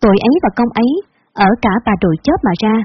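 A woman narrating a story in a measured storytelling manner, with a husky voice. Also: fairly high pitch, expressive. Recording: dull lo-fi recording.

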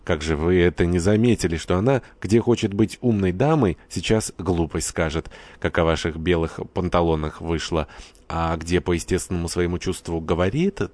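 A man voicing a talkative, eager village priest in an audiobook, his voice jumping up in pitch. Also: moderate pace, darkish tone, no room sound. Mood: insistent.

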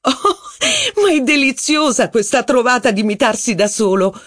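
A man reading a classic novel aloud in measured, literary narration. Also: very high-pitched, sing-song, a bit bright. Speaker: audiobook narrator.

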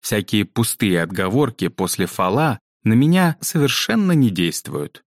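A man's voice: on the low side, big pitch swings, moderate pace, no room sound. A man voicing a strict, dry-witted woman teacher who questions two pupils in a clipped, stern manner, read out in a storybook.

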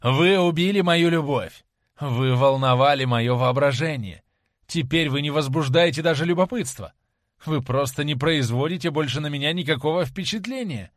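A man voicing a proud young man who turns cruel in anger, with loud, bitter, accusing outbursts in an audiobook reading. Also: a little high, normal speed, no echo, clean studio sound, natural voice. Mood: scornful, furious.

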